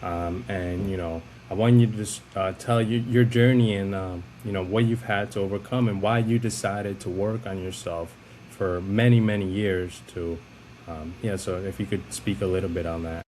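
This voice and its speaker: Deep-voiced male podcast host. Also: steady tone, moderate pace, a little mellow, a little hiss or hum. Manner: rambling, loosely built questions. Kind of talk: interview questions.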